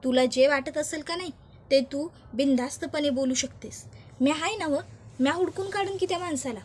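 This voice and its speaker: A scheming older village mother-in-law, as a woman reads her lines in a serial recap, high-pitched and fussing in rustic speech. Her voice sits high and can rise to calling out. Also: normal speed, lightly acted. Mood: coaxing.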